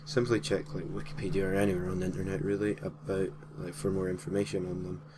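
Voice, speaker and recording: A man with a low voice and level tone narrates quickly over a noisy background. He is the host and narrator of a gaming creepypasta series, reading a gaming story from a script in an informal way, with casual, slightly hesitant asides.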